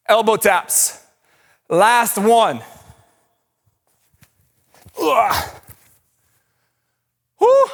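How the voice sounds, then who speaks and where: Winded fitness coach, high-pitched man. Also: fairly bright tone. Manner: encouraging, short cues while exercising. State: out of breath. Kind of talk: coaching a home workout.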